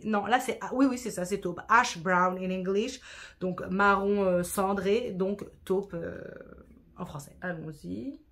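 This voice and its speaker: A woman's voice: mid-range voice, fairly bright tone. A woman chatting through a makeup tutorial in a casual, self-deprecating way, sprinkling in English words. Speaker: beauty vlogger.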